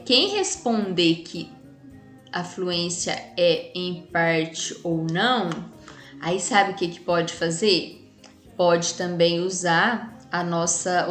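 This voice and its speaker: A woman's voice: on the low side, a bit bright. A woman teacher with a Brazilian Portuguese accent, explaining a lesson casually to children and often checking with tag questions. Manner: chatty, frequent tag questions. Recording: echoey room with faint music.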